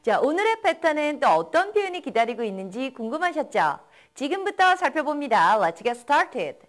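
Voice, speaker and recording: Woman, young adult, English teacher, high and very animated voice, slow drilled example sentences. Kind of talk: bilingual English lesson.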